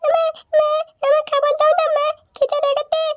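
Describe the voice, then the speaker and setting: A woman's voice: very high voice, little pitch movement, moderate pace, faint music behind, voice pushed up. A woman voicing a whiny, hungry little child in a cartoon who keeps begging for food. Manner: whining, repeating demands. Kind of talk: cartoon voice acting.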